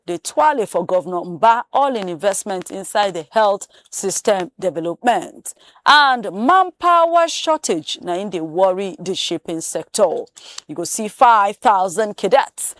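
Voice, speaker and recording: A woman with a Nigerian accent reviewing newspaper headlines in Pidgin. Her pitch sits mid-range and her delivery is brisk, jumping up for emphasis on big stories. The sound is close and dry, with no room around it. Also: dry recording. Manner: brisk, animated headline reading with emphatic rises.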